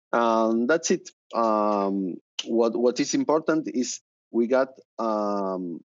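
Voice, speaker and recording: A man in his thirties from Argentina, speaking English with an Argentine Spanish accent as a panelist, hesitant with many fillers and restarts, on a headset over a video call. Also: mid-range voice. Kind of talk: conference panel talk. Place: home room, indoors. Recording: dull video call audio.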